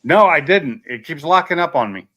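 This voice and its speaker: A man hosting a casual video-call chat from his home garage, plain-spoken and quick to grumble about his connection. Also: on the high side, lively intonation, pushed and bright, muffled recording. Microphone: laptop on a video call.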